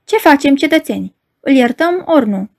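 A bleating, goat-like man's voice mocks and sneers at everyone, as a woman reader puts him on. He sits high and needles every line, a storybook trickster with no respect for anyone. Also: expressive, gravelly, a little mellow. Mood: taunting. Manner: sneering, mocking. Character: mocking lanky male magician's assistant, bleating.

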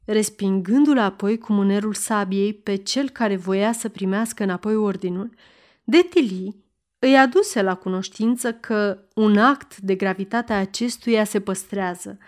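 A woman reads a historical novel aloud, narrating in a measured, steady voice. Her pitch rests at an ordinary middle level, and she lets the sentences unfold without hurry.

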